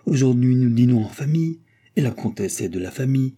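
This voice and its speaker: A man's voice: medium pitch, expressive, a little fast, warm tone, slightly rough. A man reading aloud and voicing a genial, well-fed king who talks in a hearty, insistent way. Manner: hearty, insistent, fond of his food.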